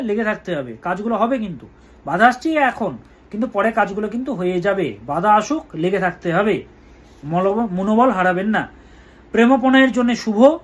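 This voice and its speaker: High-voiced man giving horoscopes. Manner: slow, emphatic, chants mantras and repeats key words. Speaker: astrologer. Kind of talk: weekly horoscope talk.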